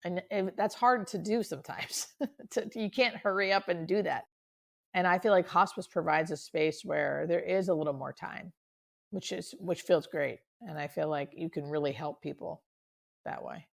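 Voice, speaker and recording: An earnest woman with a fairly low, noticeably creaky voice, answering as an interview guest. She talks reflectively and conversationally, repeating phrases for emphasis as a hospice nurse explaining her work. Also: moderate pace.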